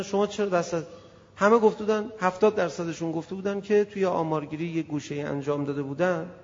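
A man giving an animated, conversational sermon to a gathering, acting out little scenes as he goes, in an echoey hall on a dull, lo-fi recording. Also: high voice. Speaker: preacher. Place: hall with an audience.

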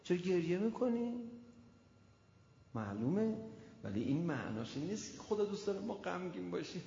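A man gives an emphatic sermon, firing questions at his listeners and slipping into the voices of the figures he quotes. His voice is gravelly and sits a little high. It comes through a long, echoing hall reverb on a dull, lo-fi recording. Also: darkish tone. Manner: emphatic, quizzes the audience and acts out quoted voices. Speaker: preacher. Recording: echoey hall with dull lo-fi sound.

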